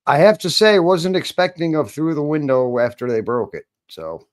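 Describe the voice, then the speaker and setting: A man's voice: a little high, expressive, normal speed. Joking man commenting on clips. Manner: joking, offhand and chatty. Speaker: channel host reacting to videos. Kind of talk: casual commentary.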